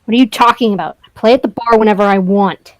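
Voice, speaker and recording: A woman's voice: mid-range voice, fast talker, close to an everyday voice, rough recording. A woman voicing a bitter young male musician in a story game, with clipped, dismissive lines. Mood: irritated. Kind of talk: reading a story game aloud.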